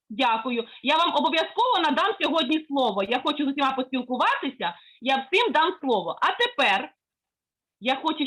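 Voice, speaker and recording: A woman music teacher leading an online lesson for children over a video call, coaxing and praising them as she gives gentle instructions. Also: sits high, rough recording.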